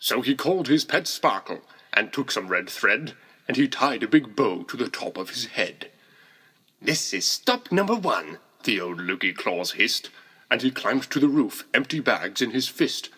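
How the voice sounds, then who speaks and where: Male storyteller, playful rhymed read, lively pitch, bright slightly husky tone. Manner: playful, sing-song rhyming delivery.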